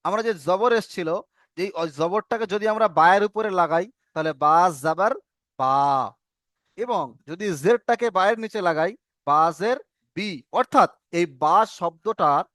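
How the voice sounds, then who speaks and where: A man teaches a reading class over an online call, pausing to ask questions and then repeating the answers himself. His voice sits high, and it is recorded dry with no room sound. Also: a bit bright, no room sound.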